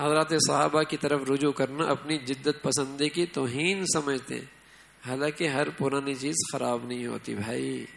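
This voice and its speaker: Gravelly-voiced male preacher. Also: mid-range voice, fairly bright tone, slight background noise, rough recording. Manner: conversational, asks the audience often. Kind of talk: Islamic sermon.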